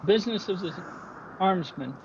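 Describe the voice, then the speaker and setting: A man with a high voice plays a tabletop game, talking in character with very lively intonation. The recording is dull and lo-fi. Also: normal speed. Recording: muffled lo-fi mic, clear noise.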